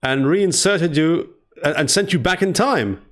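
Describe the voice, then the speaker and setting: A man in his forties hosts a remote interview over a video call. His voice sits a little high for a man, and he presses the guest with probing follow-up questions. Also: expressive, a little slow. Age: 40s.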